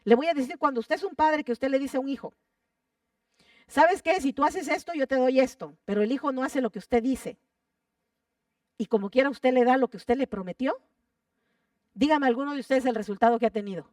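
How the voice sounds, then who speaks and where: A woman's voice: high voice, brisk, a little mellow, no room sound, studio quality, far from the mic. Fervent woman preaching, heard from afar. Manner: fervent, repeats phrases for emphasis, asks the congregation questions. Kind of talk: sermon. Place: church sanctuary.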